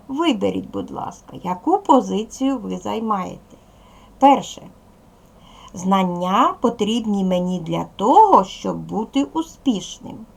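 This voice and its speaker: A woman teacher with a Ukrainian accent, giving a slow and clear lesson to young pupils and spelling out sounds one by one. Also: medium pitch. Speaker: primary school teacher. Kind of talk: slow, clear classroom instruction.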